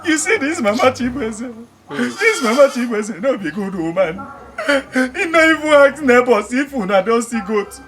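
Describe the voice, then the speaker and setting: An actor playing a defensive, gossiping tenant and cook in a Nigerian comedy film, speaking Nigerian Pidgin. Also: male voice, very high voice, expressive, a little slow, full character voice. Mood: accusing. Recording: loud music behind the voice.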